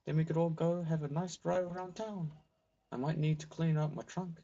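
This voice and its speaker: A man reading game dialogue as a gentle, motherly goat woman, sweet and politely fussing. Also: medium pitch, normal speed, dull audio, close to an everyday voice. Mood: sweetly polite.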